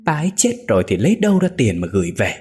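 A man voicing a cruel, sharp-tongued young woman, the daughter-in-law in a story, sneering and mocking. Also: medium pitch, wildly swooping pitch, rapid-fire, soft background music.

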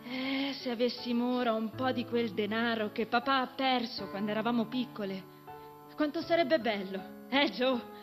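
A woman's voice: fairly high pitch, normal speed, over music, lightly acted. A woman voicing a proper eldest sister, a young woman who talks in a prim, lecturing way. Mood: nostalgic.

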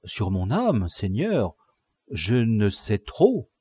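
A man's voice: on the low side, wildly swooping pitch, drawn-out words, warm tone, breathy edge, dry recording, exaggerated voice. A man voicing an innkeeper's shy, naive young daughter in an audiobook, speaking hesitantly and earnestly.

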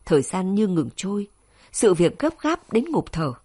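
A woman narrating a novel with an expressive, emotional reading. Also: mid-range voice, unhurried, breathy edge. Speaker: audiobook narrator.

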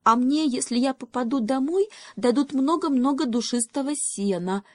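A woman doing a squeaky eager little goat kid. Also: normal speed, no echo, clean studio sound, lightly acted. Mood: excited. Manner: high and excited.

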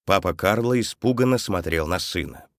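A man narrating a children's story expressively, his voice softening at the sad moments. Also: deep voice, animated, normal speed, no echo, studio quality.

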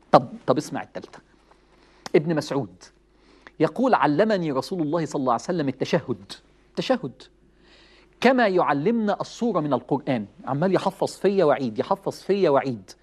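A man with an Egyptian Arabic accent giving a lively religious talk, telling stories in a conversational way. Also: high-pitched. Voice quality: animated, conversational, laughs often. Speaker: preacher.

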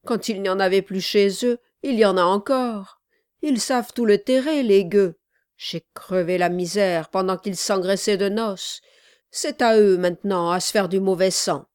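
A woman voicing Charlot, a frightened young male thief, in shrill, urgent outbursts. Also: unhurried, darkish tone, dry recording, studio quality, close to an everyday voice. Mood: bitter.

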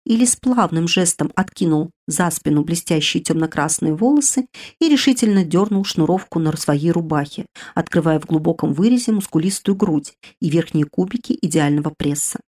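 A woman narrating a story in the first person, reading in a measured, even way. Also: fairly low pitch. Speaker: audiobook narrator.

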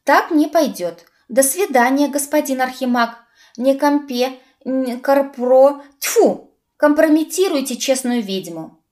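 A woman doing a shrill, bossy young witch. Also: expressive, measured pace, darkish tone. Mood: indignant, shooing. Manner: shrill scolding, trips over words. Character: flustered young witch, sharp-tongued and bossy.

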